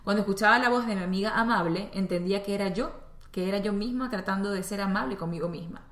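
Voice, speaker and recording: A woman's voice: mid-range voice, quick pace, a bit bright. A woman from Venezuela with a Venezuelan accent, giving a spiritual self-help talk and speaking straight to the listener in a conversational way. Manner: conversational, addresses listener directly. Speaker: spiritual teacher and astrologer. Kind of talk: spoken self-help monologue. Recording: echoey room.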